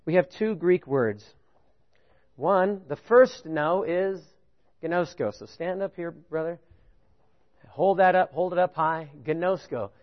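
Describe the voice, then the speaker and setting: A man preaching a sermon, animated, often stopping to ask the congregation "right?". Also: slow pace, lo-fi sound. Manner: animated, rising pitch on key points, chuckles, asks "right?". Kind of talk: sermon with audience participation.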